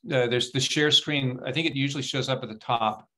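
A man's voice: mid-range voice, steady tone, a little fast, bright, forceful tone. Man patiently guiding a call. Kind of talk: video call discussion. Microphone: video call.

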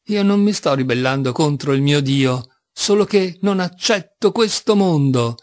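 A man's voice: fairly high pitch, animated, unhurried, a little mellow. A man reading an audiobook, voicing a tired, irritated young male novice who answers curtly. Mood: weary. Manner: curt and tired. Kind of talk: audiobook reading of a classic novel.

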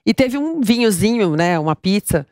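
A woman's voice: mid-range voice, animated, normal speed, a little mellow, no echo. A woman hosting a talk show in a studio, teasing her guests with playful questions. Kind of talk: lively studio chat and party game.

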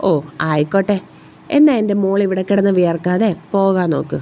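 A woman's voice: medium pitch, fairly quick, warm tone, natural voice. A woman voicing a teasing young man who bosses his girlfriend around playfully. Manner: teasing, bossy.

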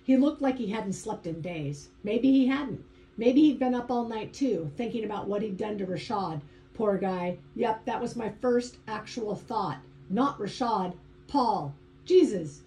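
A woman's voice: mid-range voice, animated, measured pace, warm tone, rough recording. A woman narrating a first-person audiobook in a conversational, wry inner-monologue manner.

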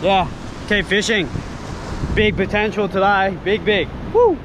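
A young man with a high voice talks in an unhurried way to an action camera he holds out at arm's length. He is outdoors on a rocky shoreline, and crashing surf and wind roar clearly behind him. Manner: excitable, bursts into shouts at strikes. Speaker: fishing vlogger. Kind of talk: casual solo vlog narration. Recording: loud surf and wind noise.

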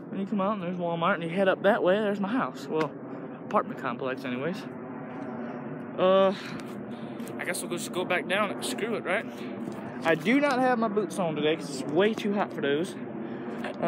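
A teenage boy from Illinois, talking loosely and crudely while walking through the woods with a phone camera. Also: on the high side. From Illinois, USA. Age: teens. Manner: rambling, crude, loose talk with lots of "like". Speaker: vlogger. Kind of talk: casual walking vlog. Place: outdoors in woods. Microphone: phone camera held while walking. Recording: noisy outdoor phone recording.

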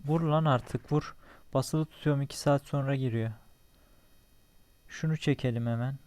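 A man's voice: medium pitch, steady tone, normal speed, darkish tone. A young man giving casual running commentary while playing a survival game, talking to himself, joking and cursing at enemies. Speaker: gaming channel host.

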